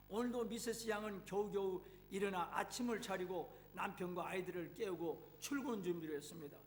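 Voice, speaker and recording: A male pastor with a high-pitched voice tells a sermon story with dramatic flair. His voice rings in a church hall with a long reverb. A faint hum runs underneath.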